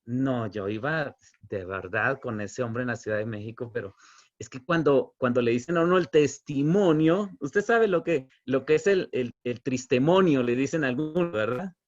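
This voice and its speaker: A man preaching a sermon as pastor, telling stories with light humor, slowing for emphasis and then rushing through asides. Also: medium pitch, muffled recording. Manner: storytelling with humor, chuckles between points; swings between emphatic stretched phrases and quick asides.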